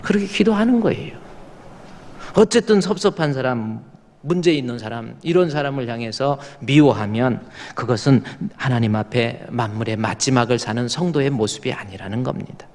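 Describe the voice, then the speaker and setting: A man's voice: medium pitch, moderate pace, darkish tone. A man preaching a sermon as pastor, telling stories in a folksy way and acting out little scenes of his church members. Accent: Korean. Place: church sanctuary. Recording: long reverb of a large hall.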